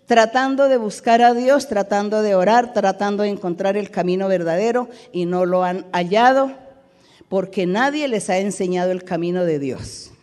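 A woman teaching a Bible study in sermon style, preaching slowly and emphatically, drawing out key words. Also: mid-range voice, darkish tone. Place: large church auditorium. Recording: long reverb of a large hall.

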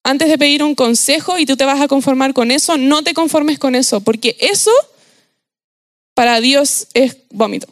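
High-voiced Chilean woman preaching casually. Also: normal speed, no room sound, clean studio sound. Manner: slangy and animated, laughing often. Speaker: youth preacher. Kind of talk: casual youth sermon.

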